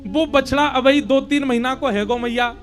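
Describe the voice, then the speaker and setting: A man's voice: very high-pitched, moderate pace, voice pushed up. A male preacher voicing the child Krishna, a mischievous three-year-old who complains in a sobbing, childlike way. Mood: complaining. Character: little boy Krishna, three and a half, mischievous.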